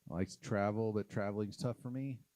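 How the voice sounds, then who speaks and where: A man from Oklahoma doing a stand-up comedy set on a live stage, talking in a halting, self-deprecating way with many "uh" fillers. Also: on the low side, fairly even intonation, a little mellow, dry recording. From Oklahoma, USA.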